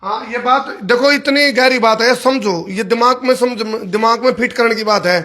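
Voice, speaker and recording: A Haryanvi-accented interviewer, talking in a folksy, chatty way and nodding along with short affirmations. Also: male voice, extremely high pitch, normal speed, bright, forceful tone. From Haryana, India.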